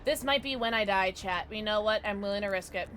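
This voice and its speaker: A woman livestreaming a game with a cute, high anime-girl voice, chatting with viewers in a playful, excitable, reactive way. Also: a little fast, noisy background. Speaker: livestream host playing a horror game. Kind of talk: casual livestream chat and game commentary.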